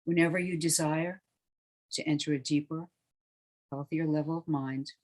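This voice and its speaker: Hushed, soothing meditation guide. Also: medium pitch, steady tone. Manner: slow, soothing, hushed delivery.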